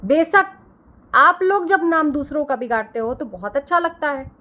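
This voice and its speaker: A woman's voice: high-pitched, expressive, normal speed, sharp tone. A woman reaction creator delivering a heated, scolding rant and repeating phrases for emphasis.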